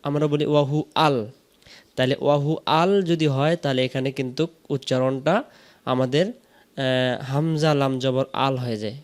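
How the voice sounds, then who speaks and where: A man with a Bangladeshi Bengali accent teaching Quran recitation, chanting each verse slowly with long drawn-out vowels and then explaining the pronunciation. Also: medium pitch, steady tone. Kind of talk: slow recitation lesson.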